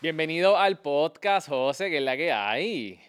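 A man's voice: a little high, animated, a little slow, a bit bright, clean tone. A man hosting a podcast interview, enthusiastic and slangy, calling his listeners "mi gente.". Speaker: podcast host. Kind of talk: casual podcast interview with ad reads. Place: podcast studio.

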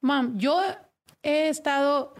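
A woman's voice: high voice, steady tone, slow. A young woman hosting a podcast, chatting casually and swearing freely while switching between Spanish and English. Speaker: podcast host. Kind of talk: casual bilingual podcast chat.

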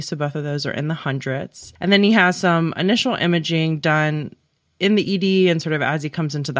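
A podcast host calmly presenting a medical case in a measured, clinical way. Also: medium pitch, no room sound, clean studio sound.

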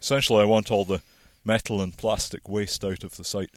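A man, a farmer explaining his land in a measured, practical way while walking outdoors and slightly out of breath. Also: lowish voice, steady tone, no room sound. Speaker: farmer and landowner. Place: outdoors on a hillside plantation.

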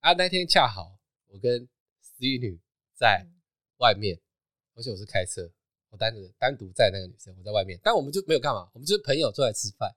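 A man, hosting a podcast and telling a story in a casual, animated chat, laughing often. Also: medium pitch, a little fast, no echo, clean studio sound. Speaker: podcast host.

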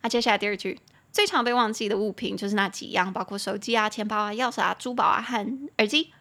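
A woman's voice: mid-range voice, fairly even intonation, quick pace, sharp tone. A young woman hosts an English lesson podcast, chatting about vocabulary, giggling and spelling words out letter by letter. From Taiwan. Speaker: podcast host and English teacher.

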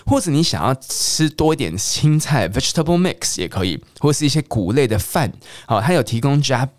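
Brief: middle-aged man from Taiwan, chatty English teacher, animated delivery, dry close sound. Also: medium pitch, no echo. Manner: lively, chatty, mixes English words into Mandarin. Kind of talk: casual teaching monologue.

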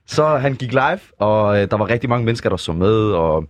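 On a studio mic, a podcast co-host tells the group's story in casual chat, acting out quoted voices. His voice sits on the low side and is expressive, with no echo but a lo-fi sound.

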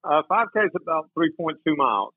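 Husky mayor guy calling in, tinny phone audio, real laid back. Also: on the high side, very animated, a little fast, dry recording. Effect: tinny phone call audio. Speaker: city mayor calling in as guest. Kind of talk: casual radio chat. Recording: dry tinny phone line.

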